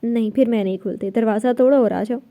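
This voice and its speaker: A woman's voice: on the high side, warm tone, close to an everyday voice. A woman voicing a stubborn young wife who talks back defiantly, in a storybook reading.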